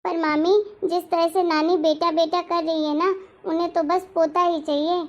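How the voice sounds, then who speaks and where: A woman's voice: extremely high pitch, level tone, moderate pace, highs cut off. A woman doing a cheerful teenage niece. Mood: lively. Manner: eager, agreeable.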